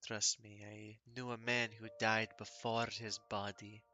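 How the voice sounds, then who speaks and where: A man voicing a grieving, widowed woman who speaks in a slow, measured, mournful way during a tabletop game. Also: lowish voice, level tone, pushed and bright. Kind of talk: tabletop game role-play.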